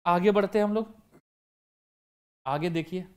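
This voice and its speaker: A man's voice: high-pitched, a little slow, a little mellow. A man teaching vocabulary for exam prep, asking the class questions and answering them himself while repeating the key words. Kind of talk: online vocabulary lesson.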